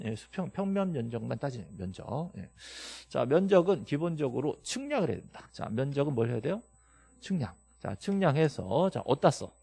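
A man teaching a classroom lecture, emphatic and quizzing his students with quick questions and answers. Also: a little high, gravelly, dark tone, slightly rough, no echo. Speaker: real estate law instructor.

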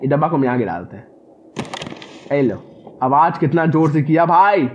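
High-voiced excitable man gaming. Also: moderate pace, highs cut off, slight background noise. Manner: excitable, yelps and repeats words in panic; talks back to the game characters. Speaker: gaming commentator. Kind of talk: comic horror gameplay commentary.

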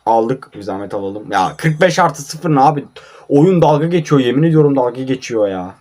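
This young man's mid-range voice is brisk with lively intonation as he plays mobile football at home at night, offering casual live commentary. He's sleepy and grumbly, now and then exploding into frustrated shouts at his players.

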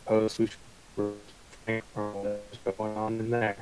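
A man playing a tabletop game over a voice call, his audio glitching and breaking up as he talks slowly. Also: lowish voice, monotone, darkish tone, faint music behind, low-quality recording. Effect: glitching, breaking-up online connection.

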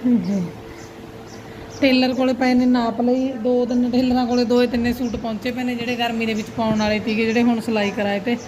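A woman's voice: flat delivery, fairly quick. A middle-aged woman, chatting casually to a family vlog in a dramatic, exclaiming, grumbling aunty manner. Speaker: vlogger. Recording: noisy, with vehicle-like background rumble.

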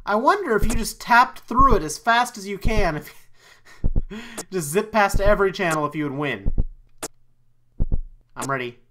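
A man giving let's-play commentary on a horror game, easily startled, swearing often, and talking himself into calming down. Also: high-pitched, measured pace, pauses often, slight background noise, rough recording. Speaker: YouTube let's player.

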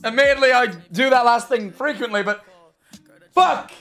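A very high-pitched young man talks at normal speed while faint music plays, reading livestream chat aloud and reacting to it. His manner is animated and sarcastic, with frequent swearing. He sits at a desk in a small bedroom streaming room with a headset-style studio mic.

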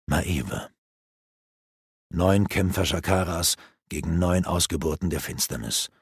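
Man reading fantasy audiobook, lowish raspy voice, dry close mic. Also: no echo. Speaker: audiobook narrator. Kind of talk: scripted fantasy narration.

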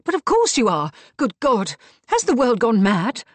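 A man's voice: high-pitched, normal speed, a little mellow, dry recording, natural voice. A man doing a fierce elderly aunt, commanding. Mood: shocked. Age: older. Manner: exclamatory, commanding.

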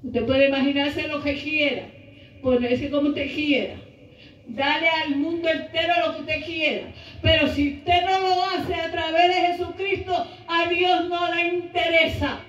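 A middle-aged woman preaching a sermon into a handheld mic in a small church hall, impassioned, rising into shouts and half-sung lines. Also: sits high, fairly even intonation, measured pace, a little hiss or hum. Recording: echoey room, camera far off, dull sound.

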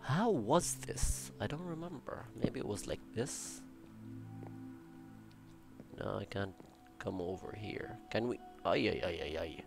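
A young man with a gravelly voice hosts a building game channel, muttering to himself, counting blocks and tossing in playful Spanish words. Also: on the low side, expressive, slow pace, long pauses, over music. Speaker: Minecraft building channel host. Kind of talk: casual gameplay commentary.

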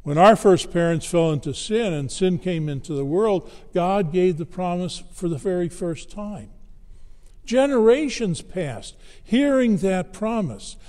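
Slow, high-voiced man preaching in an echoey church. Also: lively intonation, warm tone. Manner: measured storytelling delivery. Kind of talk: sermon.

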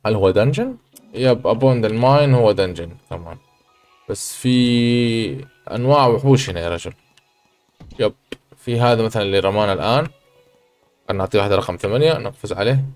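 A man, hosting a gaming channel, chatting through his gameplay and breaking into excited exclamations. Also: fairly low pitch, fairly quick, long pauses, faint music behind. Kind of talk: let's play commentary.

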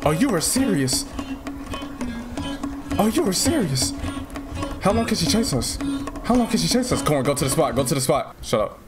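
Excitable young man streaming a game. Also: normal speed, pauses often, over loud music. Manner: excitable, repeats lines, jumps into high yelps. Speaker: gaming streamer. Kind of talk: casual gaming commentary.

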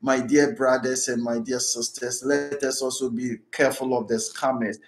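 Ghanaian priest praying over and over, fervent, kinda roomy echo. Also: male voice, mid-range voice, level tone, moderate pace, over music. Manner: repetitive, fervent, exhorting. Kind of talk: leading prayers and blessings.

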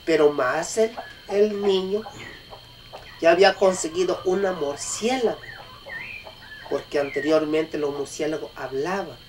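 A man with a Mexican accent telling a folk tale aloud, halting and restarting often. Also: fairly high pitch, darkish tone, distant mic, a little hiss or hum. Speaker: storyteller. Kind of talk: oral folk storytelling.

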